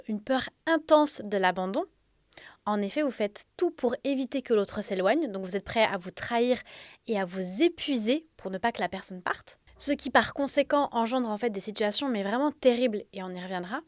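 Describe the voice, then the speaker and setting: A woman speaks as the host of a self-help episode in a fairly high voice. Tonsillitis gives her a slightly throaty sound, as if talking around swollen tonsils and a sore throat. She explains things directly and conversationally to her listeners, with a very dry sound free of room echo. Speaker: podcast host.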